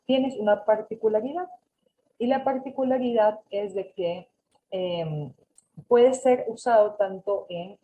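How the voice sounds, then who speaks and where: A woman's voice: medium pitch, warm tone, slight background noise, low-quality recording. A woman teaching an English class over a video call, patiently correcting students and mixing with English. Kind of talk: online class instruction.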